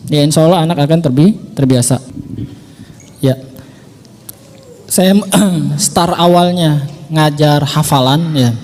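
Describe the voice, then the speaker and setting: A man with a high but mellow voice talks in a relaxed, advice-giving way, going back over his points with patient repetition. His voice rings with a long reverb, as if recorded in a large hall. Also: slow pace, pauses often. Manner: patient, repeats points, many 'ya' fillers. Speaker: father sharing how he taught his son.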